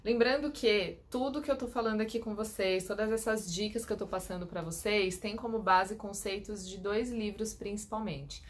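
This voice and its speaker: A woman's voice: mid-range voice, steady tone, moderate pace, few pauses. A woman psychologist with a São Paulo Brazilian accent explains communication skills to her audience. Her voice sits in an ordinary middle range. She teaches step by step and keeps checking that her viewers follow. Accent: Brazilian Portuguese, São Paulo. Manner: didactic, checks in with listeners. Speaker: clinical psychologist. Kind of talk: direct-to-camera teaching tips.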